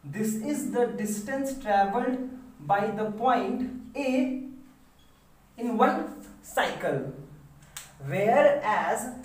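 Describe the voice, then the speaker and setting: A woman's voice: a little high, animated, drawn-out words, long pauses, darkish tone, distant mic. Woman teacher in an echoey room. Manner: explains step by step, checks understanding with questions. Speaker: physics teacher. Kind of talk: recorded online lecture.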